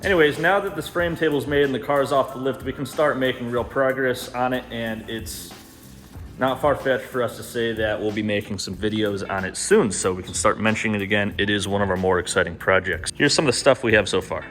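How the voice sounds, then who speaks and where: With music playing behind him, a man runs his car build vlog off the cuff, slangy and comfortable with swearing. He speaks at a medium pitch, fairly quickly, with a slightly bright tone.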